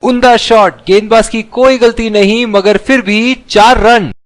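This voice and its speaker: A man giving excited cricket commentary as a commentator, exclamatory and full of admiration. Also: a little high, moderate pace, no echo.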